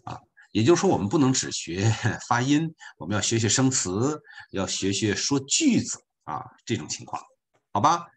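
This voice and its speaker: A man's voice: mid-range voice, sing-song, moderate pace, husky. A man teaching a beginner French class online as a volunteer, patiently repeating his points with chatty asides.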